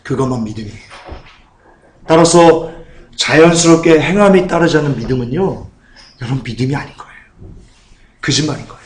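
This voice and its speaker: A man's voice: medium pitch, expressive, fairly quick, pauses often, a little hiss or hum. A man pastor preaching a sermon in a conversational way, repeating his phrases and putting questions to the congregation. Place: church sanctuary. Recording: roomy church echo.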